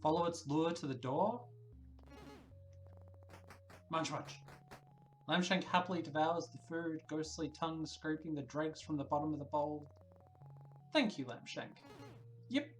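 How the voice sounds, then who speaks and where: Reading the narration aloud in a quiet voice on a livestream, a game streamer keeps breaking into lively asides to viewers. The voice has a medium pitch, and the audio is poor.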